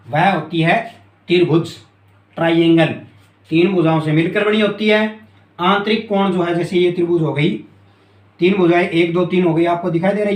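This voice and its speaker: High-voiced man teaching at a board. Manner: repeats key terms and asks "clear?". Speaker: math teacher. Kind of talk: classroom lesson at a board. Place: classroom with a board. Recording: echoey room.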